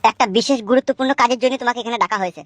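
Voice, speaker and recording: A woman's voice: on the high side, very fast, no room sound, pitched below the performer's own voice, close to an everyday voice. A woman voicing an evasive young village husband. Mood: cagey.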